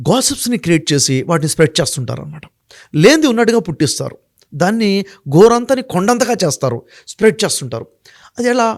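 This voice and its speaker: High-pitched fast-talking man. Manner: emphatic, works through numbered points; asks the host rhetorical questions. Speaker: interview guest. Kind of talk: explaining in a sit-down interview.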